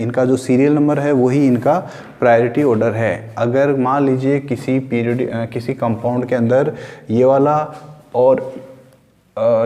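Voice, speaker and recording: A man's voice: medium pitch, warm tone, in a large hall. A male chemistry teacher with an Indian accent, explaining a lecture step by step, asking questions and answering them himself, mixing English terms into Hindi. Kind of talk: classroom lecture.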